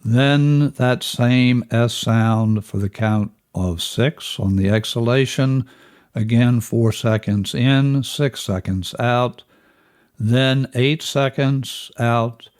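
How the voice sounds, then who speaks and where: Male relaxation instructor, average pitch, extremely unhurried delivery, measured step-by-step guidance for a breathing lesson. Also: darkish tone. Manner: measured, instructional, counting out steps.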